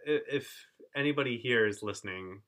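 A Korean man co-hosting a podcast tells stories in a relaxed, chatty way, speaking briskly in a fairly low voice. He often restarts his sentences and checks in with "right?"

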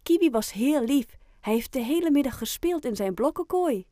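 A woman voicing a kind, cheerful female after-school carer in a children's audiobook, speaking gently and in a friendly way. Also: sits high, animated, moderate pace, no room sound, clean studio sound, pitched above the performer's own voice. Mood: gentle.

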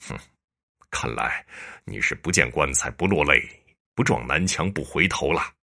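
A man voicing a shrewd, calm male prefect judge who speaks in a dry, measured, sternly mocking way. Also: extremely low pitch, gravelly, heavily acted.

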